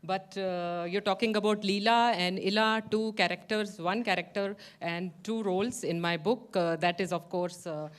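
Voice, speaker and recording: A woman's voice: mid-range voice, fairly even intonation, moderate pace, few pauses, clean tone. A woman with a North Indian, Punjabi-tinged accent, speaking as an author in a live panel conversation. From Chandigarh, India.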